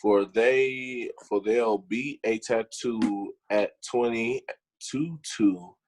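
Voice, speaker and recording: A man's voice: medium pitch, slow pace, darkish tone, slight background noise, poor audio. A man co-hosting a podcast, chatting casually, laughing and cursing while he reads tongue twisters aloud. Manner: laid-back, laughing, cursing. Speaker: podcast host.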